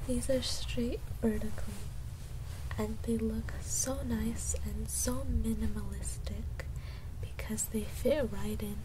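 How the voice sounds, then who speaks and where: Soft whispery woman doing whispered role-play as a personal shopper, really slow and gentle, noisy recording. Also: on the high side. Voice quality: soft, breathy, often whispery. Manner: gentle personal shopper presenting clothes to a client.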